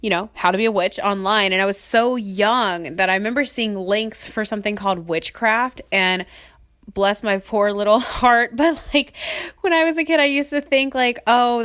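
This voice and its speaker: Sniffling through a cold, a young adult woman runs her casual solo podcast, her mid-range, somewhat bright voice moving at a moderate pace. She rambles chattily, laughing often and dropping plenty of "um"s.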